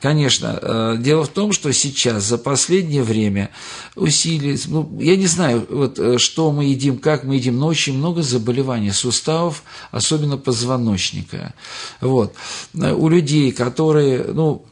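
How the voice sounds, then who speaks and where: A retired older man answers interview questions as a doctor. His voice is husky, with a middling pitch, and he rambles, stops to restart phrases and fills gaps with hesitations. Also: lively intonation, moderate pace.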